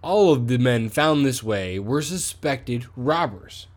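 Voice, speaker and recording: A man's voice: mid-range voice, animated, slow. A man co-hosting a podcast in casual comedic chat, rambling and profane, often correcting himself. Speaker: podcast co-host.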